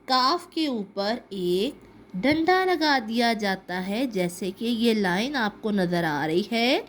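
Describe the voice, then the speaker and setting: A woman with a fairly high voice gives a children's alphabet lesson. She stretches each letter sound slowly and repeats it several times. A faint hum of background noise sits under her voice. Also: expressive. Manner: slow, drawn-out repetition of letter sounds; asks questions and answers them herself. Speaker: teacher.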